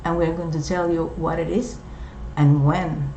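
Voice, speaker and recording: A middle-aged Puerto Rican woman, Spanish her first language and a Puerto Rican accent in her speech, co-hosts a casual chat, speaking slowly and haltingly with many fillers. Her deep voice is mellow and fairly even, in a dull, echoey room recording with a little hiss or hum.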